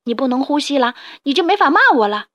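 A stout, good-hearted little badger boy from a children's storybook, as a woman reads him, bright and high in pitch, earnest and direct. The recording is dry and close. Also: animated, quick pace, no room sound, highs cut off. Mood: triumphant. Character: sturdy young male badger, good-natured.

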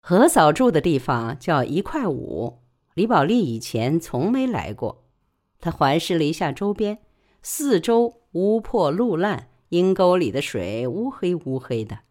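A woman storyteller narrating a novel in a Wuhan dialect with expressive delivery. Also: low-pitched, unhurried. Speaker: audiobook storyteller.

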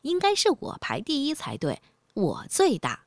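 A woman's voice: wildly swooping pitch, moderate pace, no room sound, exaggerated voice. Brief: a woman doing a smug little storybook mouse. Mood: boastful. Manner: smug, cocky and shrill. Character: boastful sly little male mouse.

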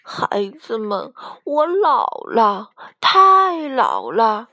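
A woman voicing a frail, tearful old grandfather storyteller who speaks slowly and wearily. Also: high-pitched, very animated, a bit bright, no echo, voice pushed up, exaggerated voice. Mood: weary sad. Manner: slow, weary, sighing.

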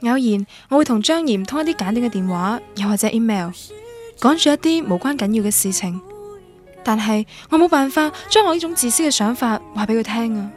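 An actress plays a young female student in a radio drama, narrating with a fairly high voice and a Guangdong Cantonese accent. Her delivery is wistful, literary, expressive and brisk, close to an everyday voice, as she reflects on first love over a music bed.

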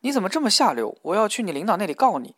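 A man's voice: a little high, animated, quick pace, a bit bright. Audiobook: a curt, indignant young woman, read by a man. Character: young woman, annoyed and wary.

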